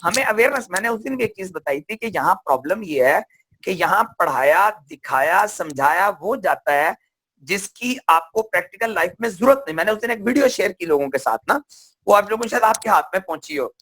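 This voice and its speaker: A man's voice: high-pitched, animated, a little fast, bright, forceful tone. Man giving a rhetorical seminar talk. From Pakistan. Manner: rhetorical, repeats questions and answers them himself. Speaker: seminar speaker.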